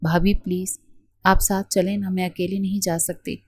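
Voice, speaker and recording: A woman's voice: fairly low pitch, little pitch movement, a little mellow, no room sound, studio quality, natural voice. A woman voicing a sweet young bride in an audio novel, coaxing and playful in manner. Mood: affectionate.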